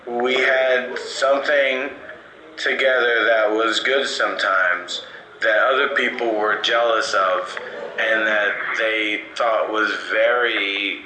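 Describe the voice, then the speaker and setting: A drunk man rambling sentimentally on a phone call, reading out inspirational quotes and halting mid-sentence. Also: on the low side, fairly even intonation, pushed and bright, roomy sound, slight background noise. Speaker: comedy podcast host.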